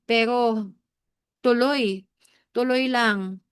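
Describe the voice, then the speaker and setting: Filipino lady coaching her team live, a bit stuffy from allergies, slightly high voice, dry close sound. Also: steady tone, extremely slow, clean tone, no echo. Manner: coaching, asks the audience questions often; mixes Tagalog and English. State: congested from an allergy. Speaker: network marketing trainer. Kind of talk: live online training talk.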